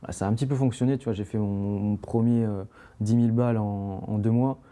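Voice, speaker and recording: A man's voice: on the low side, steady tone, brisk, dark tone. A young man, a podcast guest, talking casually and rambling with many fillers and restarts. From France. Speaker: interview guest, climbing brand founder.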